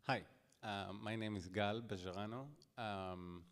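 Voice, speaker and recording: Deep-voiced israeli guy, clear tone, echoey sanctuary. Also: fairly even intonation, a little slow, a bit bright. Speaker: panelist. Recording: long hall reverb.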